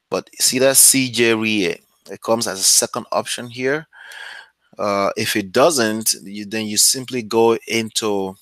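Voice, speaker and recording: Speaking with a Nigerian English accent, the male host of a real estate channel talks casually to camera during a screen share, regularly checking in with "okay?". The voice is lowish with a fairly bright tone, and there's no echo.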